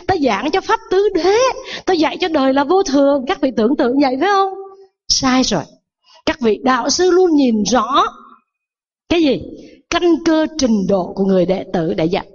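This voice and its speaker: A Buddhist nun gives a sermon in a high, husky voice. She tells a parable and keeps turning to her listeners with rhetorical questions. The sound is dull and lo-fi.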